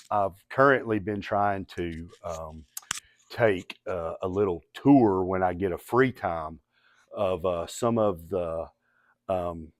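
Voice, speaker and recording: A man giving poised pageant-style interview answers, earnest and deliberate, with halting pauses between phrases. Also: on the low side, a little mellow, no echo, clean studio sound. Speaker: coach being interviewed.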